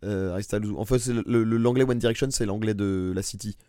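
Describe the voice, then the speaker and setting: Homme à la voix grave et chaude. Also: male voice, on the low side, fast, clean tone, no room sound, clean studio sound. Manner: rambling, restarts, animated about comedy. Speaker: podcast co-host. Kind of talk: casual chat.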